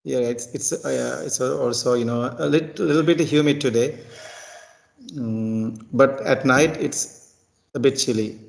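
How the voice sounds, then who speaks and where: A man's voice: medium pitch, a little slow, creaky. Sri Lankan man, thirties-ish tutor, casual practice chat, hesitant with many restarts. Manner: hesitant, repeats words and restarts often. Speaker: tutor and teacher.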